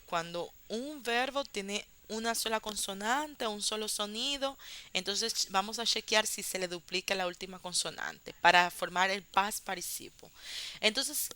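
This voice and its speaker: A woman with a bright, smooth, mid-range voice walks through an English grammar lesson slowly and patiently, one step at a time. She pads her explanations with small fillers.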